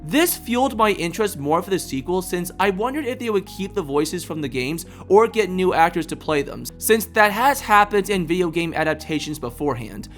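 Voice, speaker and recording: A man's voice: sits high, expressive, normal speed, hardly any pauses, a bit bright, soft background music. A man hosting a video, delivering scripted review commentary.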